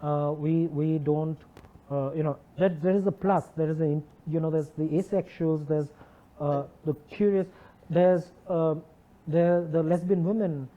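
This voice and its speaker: Lower-pitched woman, posh Indian accent. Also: steady tone, unhurried. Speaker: panelist. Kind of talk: conversational panel discussion. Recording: slightly dull, muffled sound.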